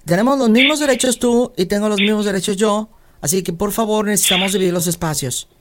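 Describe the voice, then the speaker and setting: A woman's voice: mid-range voice, fast, close to an everyday voice. A woman playing a pushy, mocking second wife in a radio comedy sketch, shushing and talking over the others and dropping English words. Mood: bossy. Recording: noisy radio studio.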